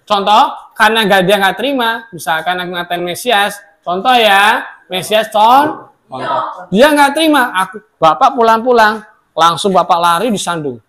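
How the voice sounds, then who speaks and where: Animated teacher lecturing a class. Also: male voice, high voice, moderate pace. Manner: animated, swings between loud outbursts and soft asides; acts out quoted remarks in sharp voices.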